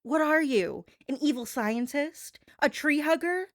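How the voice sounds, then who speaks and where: A woman's voice: sits high, lively intonation, no echo, clean studio sound. A woman delivering a performed gossip-show monologue as a host, sassy and theatrical, leaning on words for dramatic emphasis. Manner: sassy, theatrical, drawn-out emphasis, addresses listener as babe.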